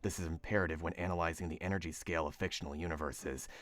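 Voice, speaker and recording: Man putting on a deep, brooding vigilante growl, quiet and gruff. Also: steady tone, fast talker, no room sound, lightly acted. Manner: low gruff reading of a text. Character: brooding gravelly male vigilante.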